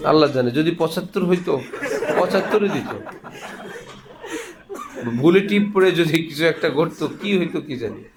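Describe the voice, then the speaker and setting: A man's voice: a little high, expressive, moderate pace, long pauses, background noise. Man preaching with jokes. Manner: conversational, jokes and laughs while teaching. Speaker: Islamic preacher. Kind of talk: sermon with humorous anecdotes.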